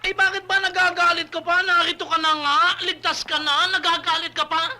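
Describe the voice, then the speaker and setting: A man's voice: extremely high pitch, little pitch movement, normal speed, pushed and bright, slight background noise, heavily acted. An actor playing a bumbling man who rescues a woman and then apologizes in a slapstick film comedy. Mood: defensive. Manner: flustered, apologetic. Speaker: film character. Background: film score music.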